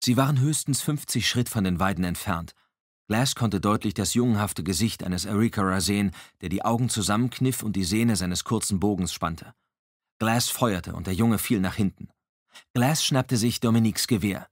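A male audiobook narrator tells the story in a measured, dramatic way. His voice sits on the lower side. The recording is close and dry, with no room sound at all. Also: dry recording.

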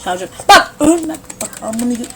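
A young woman giving casual gameplay commentary at her home computer, excitable and swearing at the game. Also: fairly high pitch, moderate pace, background noise. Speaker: gamer streaming a shooter.

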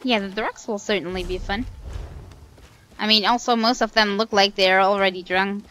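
A German-native woman streamer chats casually while playing a game, thinking aloud in casual gameplay commentary. Her medium-pitched voice is fairly bright, with fairly even intonation and a moderate pace.

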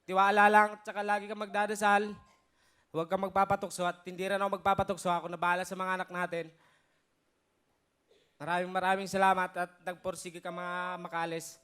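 A man's voice: high-pitched, fairly bright tone, smooth. A man appearing as a contestant on a game show, giving heartfelt, respectful testimony about his family. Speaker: contestant, father. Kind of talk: emotional personal testimony.

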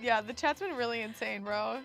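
A woman co-hosting a live comedy stream, firing off incredulous questions. Her voice sits high and breaks easily into laughter. Faint music plays underneath. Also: fairly quick, creaky. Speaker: co-host reacting.

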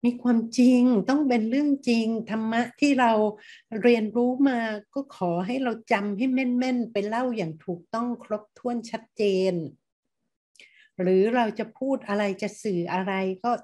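A woman's voice: fairly high pitch, normal speed, dark tone. A middle-aged woman giving a university lecture, who asks her students questions and acts out different tones of voice as examples.

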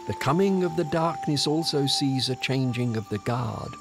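A man reading scripted nature documentary narration in a measured storytelling manner. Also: medium pitch, animated. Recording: music under the voice. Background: background music.

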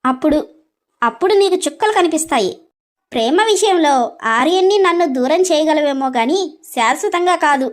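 A woman voicing a bold, clever young woman in an animated storybook, talking back with defiance and sarcasm. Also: sits high, normal speed. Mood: taunting. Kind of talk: storybook voice acting.

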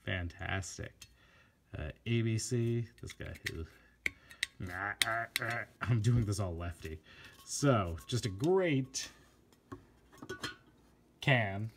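A man talking through his collection in a casual vlog, slow and unhurried, with a voice that sits a little low. He halts often and corrects himself, while gushing with admiration over each piece. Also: lively intonation, a little hiss or hum. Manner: halting, many fillers and self-corrections.

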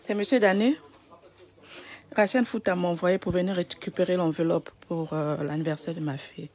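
Casually vlogging, a woman picks up a gift at a money transfer agency while calming a crying child, with crowd chatter behind her. Her voice is lowish and darkish, with fairly even intonation and a moderate pace.

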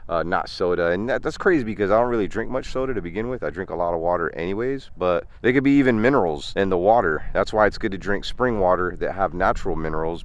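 A man's voice: low voice, a little hiss or hum. A man in his thirties from the United States, chatting casually in a vlog while tending animals in a farm paddock, filmed on a handheld camera at arm's length. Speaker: vlogger.

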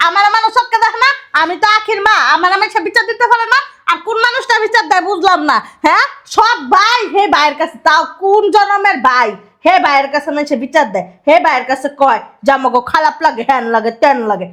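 An actress playing a sharp-tongued middle-aged stepmother who scolds sarcastically. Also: very high voice. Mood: scolding. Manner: scolding, sarcastic, rapid retorts.

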